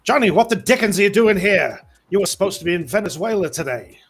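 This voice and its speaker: A man's voice: sits high, lively intonation, fast, vocal fry, breathy edge, faint music behind, voice pushed up, exaggerated voice. A man voicing a brash, old-fashioned heroic archer in a tabletop game, blustering and confrontational with dated exclamations. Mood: blustering surprise. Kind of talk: tabletop game role-play.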